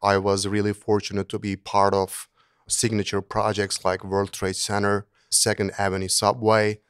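Man, smooth low voice. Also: completely flat delivery, normal speed, dry recording, studio quality. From Turkey. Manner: earnest, with frequent restarts and repeated words. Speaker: guest, engineering professor. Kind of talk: conversational interview.

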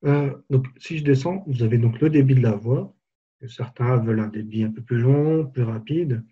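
A man giving a live software tutorial webinar, casually explaining each step as he clicks through it. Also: medium pitch, moderate pace, breathy edge, dull audio. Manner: casual, explanatory, walks through steps on screen. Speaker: software trainer.

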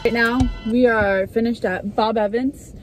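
On a road trip, a young woman in her young adult years narrates a casual travel vlog to her phone at arm's length, inside a car and outside. Her slightly high voice is upbeat, measured in pace, and fairly even in intonation. Music plays in the background over the noise of the car and street.

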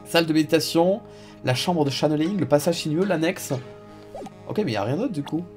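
A woman streamer commenting casually and playfully on a game, reactive and quick to swear. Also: deep voice, animated, a little mellow, soft background music.

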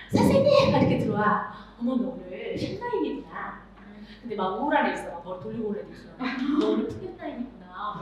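A middle-aged woman teaching music to teachers at a seminar, animated, acting out voices and singing examples. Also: a little high. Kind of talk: lively seminar lecture to teachers. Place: large lecture hall with audience. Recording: echoey hall, speaker far off, audience noise.

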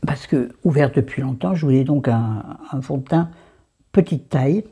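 A woman's voice: rumbling low, moderate pace, mellow, slightly rough. A French-accented woman chatting through a makeup haul, dropping into whispered asides and scolding herself by name. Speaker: beauty vlogger.

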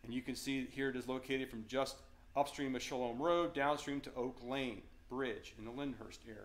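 Middle-aged Virginian man, fisheries manager at a slide talk, halting delivery, average pitch. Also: steady tone, slight background noise. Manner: unscripted, many fillers and restarts. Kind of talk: slide presentation lecture. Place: darkened meeting room with audience.

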